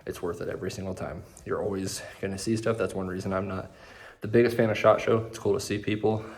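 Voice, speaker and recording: Deep-voiced man giving fitness tips. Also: steady tone, fast talker, darkish tone. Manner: joking, self-deprecating asides. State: out of breath. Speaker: fitness content creator. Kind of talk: casual vlog tips to camera. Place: home garage gym.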